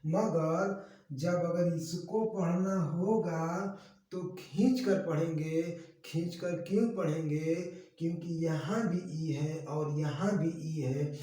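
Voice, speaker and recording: A man teaching children to read, drawing out his words in a slow, sing-song way and answering his own questions in the voice of a pupil. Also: on the high side, mellow. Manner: slow, drawn-out sing-song teaching voice, speaks both sides of a pupil dialogue. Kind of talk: Hindi reading lesson for children. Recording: echoey room, voice from a distance.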